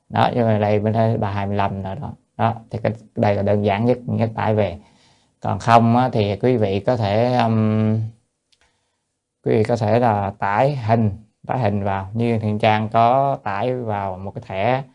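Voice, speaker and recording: Monk guy teaching a sutra, gravelly voice, lots of umms, drawls out the old text. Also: fairly low pitch, darkish tone. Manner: chants Sino-Vietnamese text slowly, then explains plainly; loose, hesitant, with many fillers. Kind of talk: sutra lecture.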